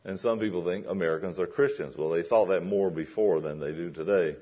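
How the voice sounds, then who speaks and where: A man's voice: low-pitched, fairly quick, husky, lo-fi sound. A man preaching a sermon in a conversational way that builds to emphatic questions.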